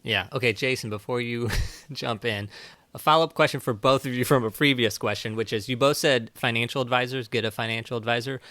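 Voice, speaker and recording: A man's voice: mid-range voice, steady tone, brisk, pushed and bright, no echo. A man hosting an interview, friendly and upbeat, asking follow-up questions. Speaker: interview host. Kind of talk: conversational interview.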